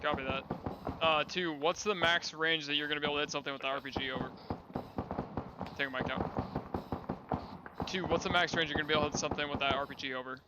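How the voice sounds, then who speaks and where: Male squad leader, higher-pitched, rapid clipped military radio commands, noisy game voice chat with gunfire. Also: steady tone.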